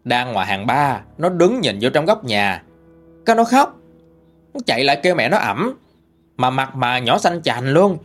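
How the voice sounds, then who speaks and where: A man with a Southern Vietnamese accent narrates a ghost story in a casual, conversational manner. His pitch moves animatedly through the telling, and soft music plays faintly behind him. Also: big pitch swings, moderate pace.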